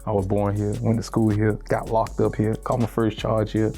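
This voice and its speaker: Laid-back young man, flat and low. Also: normal speed, faint music behind. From Miami, Florida. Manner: laid-back street slang, lots of "you feel me". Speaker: rapper, interview guest. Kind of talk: casual interview.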